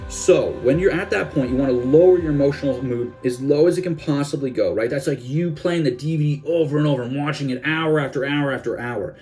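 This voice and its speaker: A man's voice: on the high side, brisk, hardly any pauses, a little mellow, faint music behind. A young man, a self-help coach, giving a casual instructional talk and now and then dropping into gloomy voices of the listener's thoughts.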